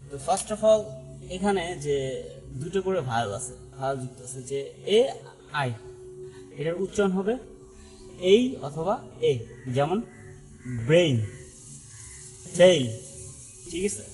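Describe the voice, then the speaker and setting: A man's voice: on the high side, animated, measured pace, long pauses, a little mellow, soft background music, low-quality recording. A man teaching an English pronunciation lesson, explaining step by step and often checking in with "right?". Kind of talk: spoken language lesson.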